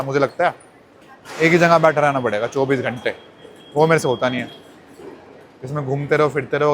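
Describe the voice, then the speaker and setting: Young man, casual vlogger, mid pitch; phone-held chat in an airport with faint ambient noise. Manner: chatty, addresses viewers as brothers. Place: busy airport terminal.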